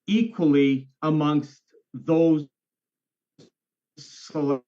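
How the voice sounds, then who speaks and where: Excited guy on a bad internet connection, kinda high voice, muffled lo-fi call audio, keeps stressing his point. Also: takes it slowly. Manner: enthusiastic, emphatic, repeats for stress. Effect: breaking-up bad internet connection. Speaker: call participant asking questions. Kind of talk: casual online group call. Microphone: computer or phone on a video call.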